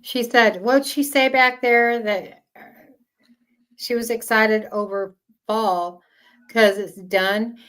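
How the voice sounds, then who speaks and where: A woman chatting casually in a halting way, repeating words as she goes. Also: a little high, steady tone, fairly bright tone, clear, resonant tone. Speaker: small farmer. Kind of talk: casual chat.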